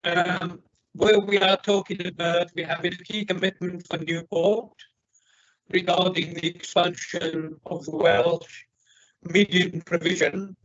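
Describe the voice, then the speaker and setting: A man with a high, sharp voice comes through a muffled, breaking-up video call line. He speaks haltingly, with stops and restarts, and the sound is dull and lo-fi. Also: flat delivery. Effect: muffled, breaking-up video call audio. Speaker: councillor on a remote call. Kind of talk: committee meeting question.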